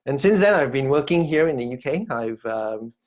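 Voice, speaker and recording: A man from Malaysia introduces himself on a live online panel. His delivery is polite and halting, with pauses while he gathers his words. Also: medium pitch, animated, darkish tone. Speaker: guest lawyer.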